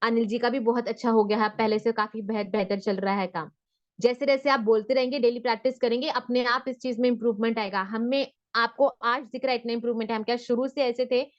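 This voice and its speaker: Encouraging female speaking coach, higher voice. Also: steady tone, fairly quick, muffled recording. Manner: mixes Hindi and English, encouraging. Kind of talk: online class session.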